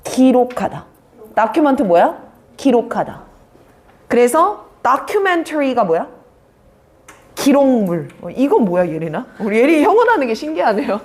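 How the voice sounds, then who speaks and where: A woman teaching an English vocabulary class, brisk and teasing, quizzing students by name. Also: fairly high pitch, sing-song. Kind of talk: live online vocabulary class.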